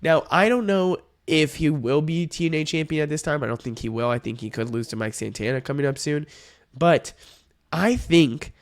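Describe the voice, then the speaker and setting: A young man with a sick-sounding voice, hosting a casual opinion vlog, rambling and correcting himself as he goes. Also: mid-range voice. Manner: rambling, hedging, self-correcting. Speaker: wrestling video host.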